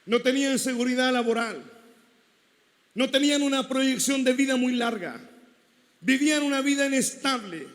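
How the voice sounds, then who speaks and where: A Chilean man preaches a sermon in a very high voice, shouting hard and then dropping to near murmurs. His voice rings out with long reverb in a large church hall. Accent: Chilean Spanish. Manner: shouting, preaching with sudden swings from loud to hushed. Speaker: pastor.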